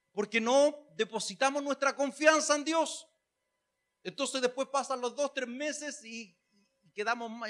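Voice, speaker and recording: Bright high-voiced pastor preaching. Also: male voice. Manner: conversational preaching with humor, rising to emphatic calls. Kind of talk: sermon.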